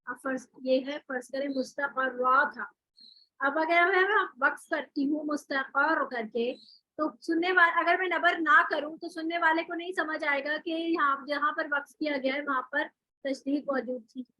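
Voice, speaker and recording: A woman's voice: sits high, fairly even intonation, moderate pace, sharp tone, no room sound, low-quality recording. A woman teaching Quran recitation in an online class, explaining rules step by step with rhetorical questions and spoken examples.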